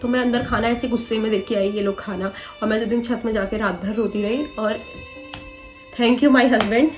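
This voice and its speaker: A young woman recounting her own struggles to the camera, earnest and rambling. Her voice sits a little high for a woman, with faint music underneath. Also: steady tone, moderate pace. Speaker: vlogger. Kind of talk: emotional personal storytelling.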